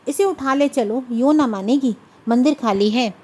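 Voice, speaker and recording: Woman reading as a commanding robber leader, bossy, curt, high voice. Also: unhurried, a little mellow.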